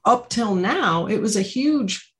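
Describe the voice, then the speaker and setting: A woman's voice: mid-range voice, lively intonation, slow pace. Affirming woman hosting a podcast. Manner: affirming, enthusiastic. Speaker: podcast host. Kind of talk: conversational interview.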